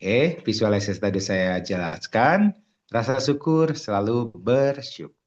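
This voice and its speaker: A man teaching an online seminar, animated, repeating affirmations in a chanting way over a video call. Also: lowish voice, measured pace, muffled recording. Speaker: motivational speaker.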